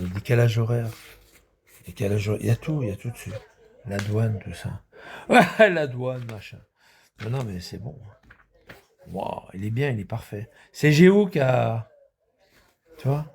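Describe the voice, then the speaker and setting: Man, casual vlogger, mellow low tone, rambling and repetitive, slangy. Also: gravelly. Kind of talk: casual vlog chat.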